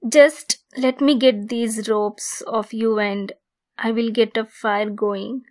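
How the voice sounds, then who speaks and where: Gentle and coaxing, a slightly high-voiced woman performs as a possessive centaur captor, bossing her listener around while still showing care. This ASMR roleplay monologue is delivered with deliberate, teasing pacing.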